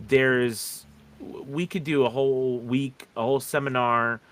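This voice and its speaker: A man's voice: mid-range voice, steady tone, a little slow, fairly bright tone. A man hosting a casual live stream, talking in a rambling way and often checking in with "you know" and "right". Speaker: live show host.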